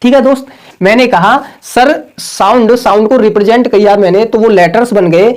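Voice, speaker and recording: A man's voice: sits high, normal speed, a little mellow. A man teaching an online grammar lesson. He repeats every point, drills the same lines, and keeps calling his listeners "sir" and "brother". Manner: over-pronounces the words he is correcting.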